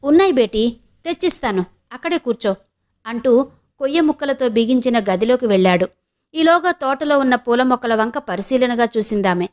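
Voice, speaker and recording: A woman from Andhra Pradesh narrating an audio novel in a steady storytelling way. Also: on the high side. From Andhra Pradesh, India.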